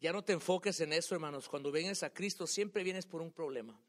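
A man preaching a sermon to his congregation, swinging between loud calls and quiet asides, dropping English words into his speech. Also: fairly high pitch, brisk. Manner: rises and drops in loudness, mixing English words in.

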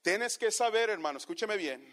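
This pastor's voice sits high and sounds a bit bright and animated as he preaches at a moderate pace. Each line comes in one language and is then repeated in the other, and he often calls his congregation brothers.

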